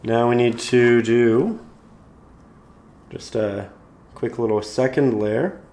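A man calmly guiding viewers through a step-by-step painting tutorial, slightly hoarse, in an unhurried, encouraging way. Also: medium pitch. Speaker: painting instructor.

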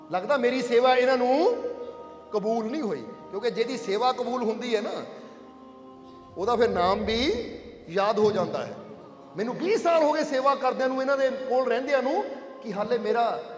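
Man, preacher, very high voice, sermon storytelling, long hall reverb. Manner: storytelling, asks the listeners if they understand. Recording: echoey hall with faint music.

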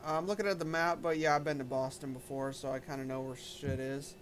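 A man's voice: mid-range voice, little pitch movement, fast talker, slight background noise. A man hosting a casual gaming stream, chatting with friends and narrating his flight aloud. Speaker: streamer and host.

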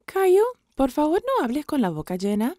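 A kind cartoon mother, with a fairly high voice that swings widely in pitch. She talks to her small child gently but firmly. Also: very animated, normal speed, dry recording, studio quality. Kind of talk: children's cartoon dub acting.

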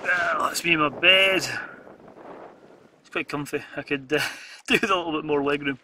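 Here a Scottish vlogger in his forties, tucked into bed in the back of his car at night, chats quietly to a close dashboard camera. His bedtime voice stays low and hushed at a normal speed, drifting along with little laughs, over a faint hiss or hum.

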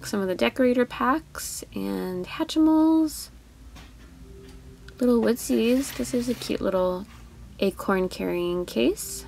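A woman's voice: fairly high pitch, lively intonation, slow, gravelly, a little mellow, slight background noise. A woman vlogging a toy hunt in a store, chatting casually and gushing over each toy she spots. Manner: chatty, easily delighted, gushing over toys.

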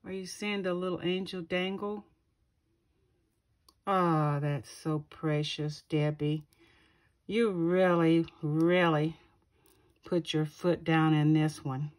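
Woman, craft channel host, very slow gushing show-and-tell, lowish voice, halting word-finding. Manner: slow, gushing, pausing often to find words. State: keeps clearing her throat. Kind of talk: casual show-and-tell unboxing.

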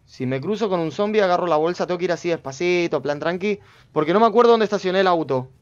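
A man giving casual gameplay commentary, chatting to himself and his viewers with sudden loud outbursts. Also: high-pitched, lively intonation, fast, highs cut off. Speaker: gameplay streamer.

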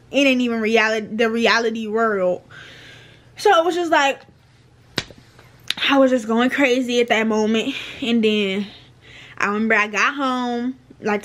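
A woman's voice: fairly high pitch, a bit bright. A young woman vlogger telling a casual storytime, chatty and slangy, repeating her phrases.

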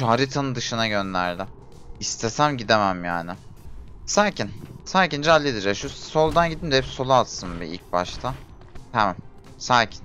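A man giving frustrated commentary while playing a game, groaning, pleading and shouting at it. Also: mid-range voice. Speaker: gameplay streamer.

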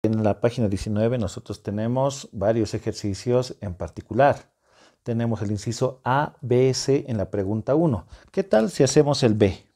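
Patient, mellow-voiced male math teacher. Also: mid-range voice, moderate pace, soft background music. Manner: patient, explaining step by step with frequent check-in questions; encouraging, reassuring students. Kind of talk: recorded math lesson for secondary students. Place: classroom whiteboard.

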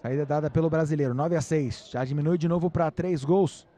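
Brazilian male commentator, slightly high pitch, live match play-by-play in short bursts. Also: a little fast, mellow. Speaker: sports commentator.

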